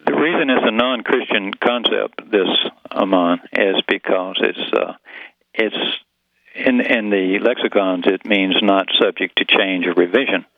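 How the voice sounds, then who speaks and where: A man's voice: fairly low pitch, a little slow, no room sound. A man co-hosting a talk show discussion, adding brief agreements and firm explanations. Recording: dull, dry, lo-fi sound.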